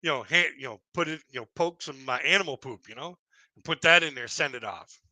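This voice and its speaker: Bright-voiced man in his fifties doing stand-up. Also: medium pitch, a little fast, no room sound. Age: 50s. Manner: rambling, chuckles at own jokes, many fillers. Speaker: stand-up comedian. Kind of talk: casual live-stream stand-up.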